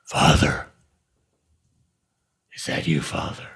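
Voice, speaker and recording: A man voicing a forlorn creature seeking its father, in a husky, plaintive voice during a tabletop game. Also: slow pace, a bit bright. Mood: plaintive, searching.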